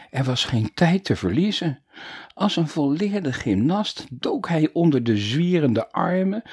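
A man narrating a children's storybook in a playful, animated way. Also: mid-range voice, breathy edge, dry recording, studio quality. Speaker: audiobook narrator.

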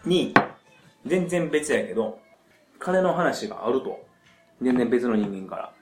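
A man's voice: mid-range voice, animated, unhurried, darkish tone, a little hiss or hum. A man with a Kansai Japanese accent, chatting casually in a loose, tipsy drunken way. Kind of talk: casual chat. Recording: echoey room with music. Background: music.

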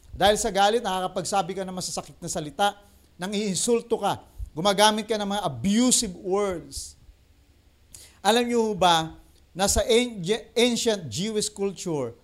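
A man with a Filipino accent preaching a livestream sermon in a mix of languages, slowing down to repeat key lines for emphasis. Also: high voice. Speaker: pastor.

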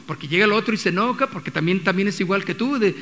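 A man's voice: high-pitched, lively intonation, quick pace, fairly bright tone. A man with a Mexican accent preaching a sermon as pastor, talking in a conversational way with many restarts and acting out quotes. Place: church hall. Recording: long reverb of a church hall.

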